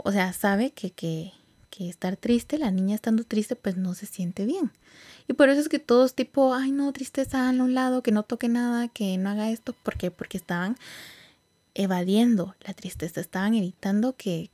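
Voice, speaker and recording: A woman hosting a podcast, speaking in a casual, reflective way with many fillers and some soft whispered asides. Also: medium pitch, dry recording. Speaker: podcast host.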